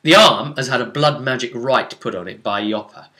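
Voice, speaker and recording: Here a game master retells a tabletop fantasy game in story form, turning now and then to address the listener with rhetorical asides. His medium-pitched voice is pushed and bright, and he keeps a moderate pace.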